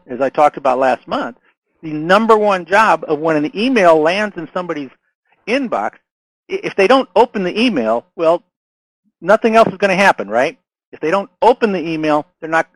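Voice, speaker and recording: A man who is losing his voice gives a loose, conversational marketing lesson to camera as a marketing consultant, often restarting, using fillers, and asking "right?" and "okay?" His voice runs on the high side with a fairly bright tone. There's no room sound, but the recording is rough.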